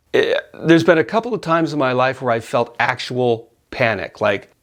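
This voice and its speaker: A middle-aged man casually telling a personal story, animated and often laughing as he acts out his own yells. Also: mid-range voice, measured pace.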